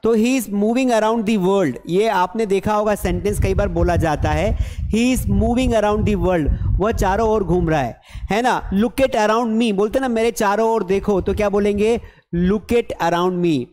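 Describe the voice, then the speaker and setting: This young teacher's voice is high-pitched and his pace slow as he gives a chatty online English lesson in a classroom with a blackboard. Animated and wearing a headset mic, he blends Hindi with English and jokes around with viewers.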